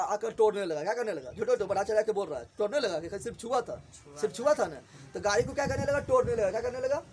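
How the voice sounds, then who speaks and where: A man, teaching a story chapter to a class, often asking a quick question and answering it himself. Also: high-pitched, darkish tone.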